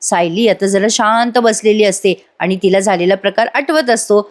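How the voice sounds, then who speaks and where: A woman's voice: medium pitch, normal speed. A woman giving a chatty voice-over review of a TV serial episode, talking directly to her viewers.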